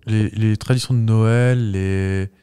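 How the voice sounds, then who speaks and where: A man's voice: lowish voice, steady tone, dark tone, smooth. Jokey French man guessing answers. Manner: quick-witted, jokey, asks follow-up questions. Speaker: podcast co-host. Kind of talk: casual chat, guessing quiz answers.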